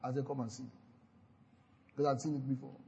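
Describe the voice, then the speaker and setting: A pastor with a mid-range, gravelly, dark, slightly rough voice delivers his sermon briskly and flatly. He urges his listeners on and has them repeat declarations back to him, with many hallelujahs.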